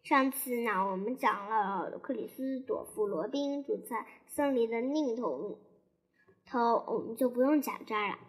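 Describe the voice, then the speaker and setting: A woman telling a story to children in a gentle, coaxing way, asking them questions as she reads. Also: fairly high pitch, normal speed, low-quality recording. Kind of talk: bedtime story reading for children.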